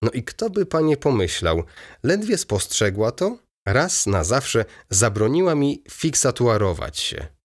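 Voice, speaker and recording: A man reading an audiobook voices a fussy, excitable aging male baron in a raised, eager, chattering manner. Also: mid-range voice, a little slow, voice pushed up.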